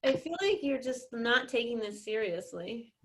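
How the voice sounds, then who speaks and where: A woman's voice: on the high side, expressive, normal speed, a bit bright, slightly rough. A woman hosting and judging a contest in a casual, mock-serious style. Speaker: contest judge and host.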